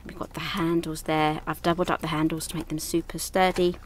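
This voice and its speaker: Born in Yorkshire but from southern England, a woman casually shows off her new craft designs at a product launch, chatty, enthusiastic, and rambling. Her voice is deep and brisk with a flat delivery, over slight background noise.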